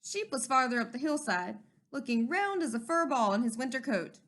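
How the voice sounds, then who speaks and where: A woman with a high voice narrates a picture book for children. Her pitch moves around a great deal, giving an expressive, teacherly read-aloud. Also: normal speed.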